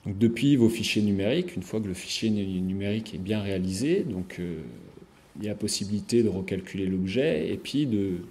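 A French-speaking man gives a slide lecture in a low, mellow voice. He hesitates a lot, pausing often, filling silences and restarting sentences while checking in with his audience.

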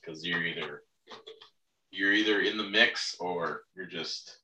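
Low voiced guy rambling on a casual podcast, bright edge, echoey room, sounds a bit far off. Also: unhurried. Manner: rambling, repeats himself, relaxed. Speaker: podcast host. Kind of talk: casual fantasy football chat.

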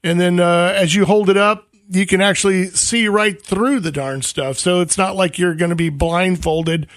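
A man's voice: high-pitched, moderate pace, no room sound. A man hosting a radio talk show in a studio, chatting casually and joking with his co-host and a caller. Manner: joking, animated, teasing. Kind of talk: casual chat.

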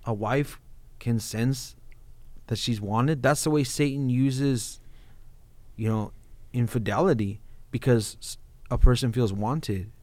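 A man's voice: mid-range voice, slow pace, darkish tone, no room sound. A man talking casually and earnestly in an informal, heartfelt conversation, often addressing his listener as bro. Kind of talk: casual heartfelt conversation about faith and marriage.

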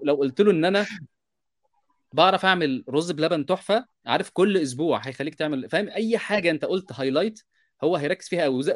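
On this casual podcast, an Egyptian-accented co-host in his thirties, who works as a software developer, speaks in a slightly high voice. He rattles off lively stories in quick spurts and keeps asking his audience "you understand?"

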